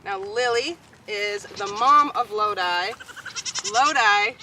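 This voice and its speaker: A woman's voice: medium pitch, slow pace. A woman vlogging casually as a goat farmer, chatty and affectionate when she talks to her animals. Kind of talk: casual vlog narration. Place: outdoors in a goat pasture. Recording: outdoor noise with bleating goats. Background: goats bleating, faint outdoor ambience.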